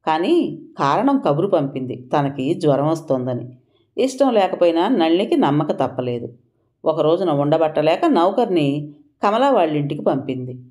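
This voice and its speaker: A woman narrating an audio story in an expressive storytelling manner. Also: sits low.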